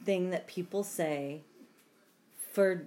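A woman's voice: lowish voice, slow pace, warm tone. A woman in casual group chat, talkative, laughing easily and trailing off mid-sentence.

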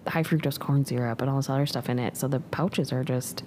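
A woman's voice: extremely low pitch, fairly even intonation, fairly quick, darkish tone, slight background noise. A woman in her thirties, a co-host in casual chat, who acts out quotes in big voices. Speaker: podcast co-host.

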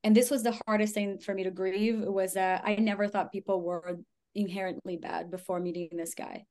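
A woman's voice: mid-range voice, little pitch movement, moderate pace, a little mellow. Woman guest on a podcast, talks loose and chatty, lots of like and you know, voices the people in her story. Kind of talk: casual conversational storytelling.

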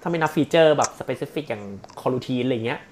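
A man who works as a software developer, chatting casually on a podcast and making jokes. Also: mid-range voice, normal speed. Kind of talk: casual tech chat.

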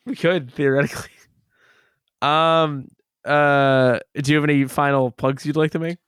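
A man's voice: fairly high pitch, measured pace, clean tone, dry recording, clean studio sound. A man co-hosting a podcast in casual chat, joking wryly and laughing at his own lines. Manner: wry, joking deadpan, laughs at own jokes. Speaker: podcast co-host.

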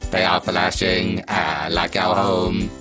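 A man's voice: low-pitched, slow. A man putting on a robot voice, playing an earnest, literal male robot podcast host. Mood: deadpan robotic. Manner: flat robotic monotone delivery. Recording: loud backing music under voice. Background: loud music bed.

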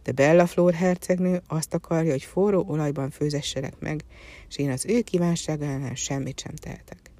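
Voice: medium pitch, steady tone, dark tone, close to an everyday voice. A storyteller voicing a sorrowful king who apologizes to his loyal servant in a folk tale. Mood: regretful.

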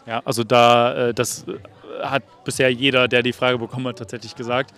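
A man conducts casual interviews outdoors at a summer party. He talks in a relaxed, loose way, full of fillers. Faint music drifts in the background. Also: mid-range voice, fairly quick. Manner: relaxed, filler-heavy questioning.

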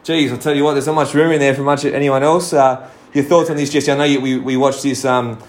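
A man's voice: medium pitch, steady tone, a little fast. An Australian man hosting a casual sports chat, enthusiastic and rambling with many fillers and restarts. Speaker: podcast host.

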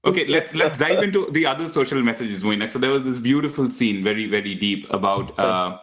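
A man with an Indian accent hosting a conversational film discussion in a wry, measured manner. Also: mid-range voice, lively intonation, fairly bright tone, lo-fi sound. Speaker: discussion host.

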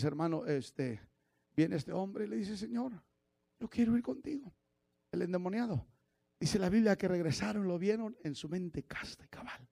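A man, preaching a sermon as pastor, swinging from shouted preaching to low confiding asides. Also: vocal fry, no echo.

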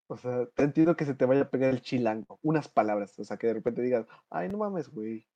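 A young Mexican man co-hosting a casual podcast, rambling in slang with plenty of fillers and restarts. His voice sits in a mellow, darker register at an ordinary pitch for a man. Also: a little fast, highs cut off. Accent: Mexican Spanish. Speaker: podcast co-host. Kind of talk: casual chat.

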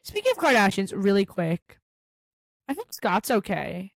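A woman's voice: mid-range voice, huge pitch swings, a little slow, creaky, dry recording. A woman co-hosting a chat podcast who gushes, exclaims a lot and talks with many "like" fillers. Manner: gushy, exclaims often, lots of "like" fillers. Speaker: podcast co-host. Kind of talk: casual chat.

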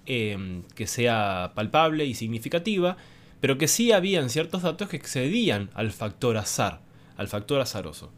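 Male host, animated explainer with a lively pitch and rhetorical asides. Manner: animated teacherly talk with rhetorical questions. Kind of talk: explanatory monologue to camera.

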